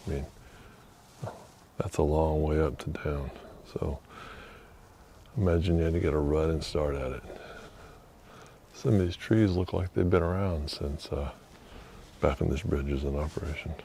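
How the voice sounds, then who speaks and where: A man vlogging as he walks outdoors beside a river under an old bridge, musing quietly and thinking aloud with fillers. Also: extremely low pitch, fairly even intonation, normal speed, creaky, long pauses, a little hiss or hum. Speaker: vlogger exploring historic sites. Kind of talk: casual walking narration.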